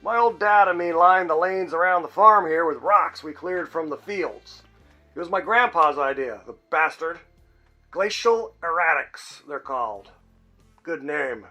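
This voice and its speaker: A man voicing a blunt, bossy male farmer neighbor who swears, raising his voice higher and louder than his narration. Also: a little slow, soft background music. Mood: grumbling.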